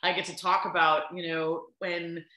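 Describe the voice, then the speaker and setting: Bright-voiced woman on an echoey video call. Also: fairly low pitch, little pitch movement, normal speed. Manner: enthusiastic, storytelling, frequent "um" and "like". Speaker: baseball sideline reporter and guest. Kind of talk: casual interview chat. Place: home room, on a video call.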